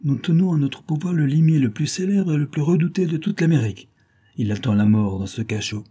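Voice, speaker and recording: A man voicing a boastful gang chief who threatens his captives with loud, sonorous phrases, in a storybook reading. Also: a little high, brisk, slightly rough, pitched above the performer's own voice. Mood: menacing.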